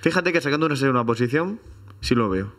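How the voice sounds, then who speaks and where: A man's voice: mid-range voice, expressive, fairly quick, fairly bright tone. A man from Spain co-hosting a comedy chat, rambling through absurd stories with hesitant fillers. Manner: rambling, tells tall tales with hesitant fillers. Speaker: comedy podcast co-host.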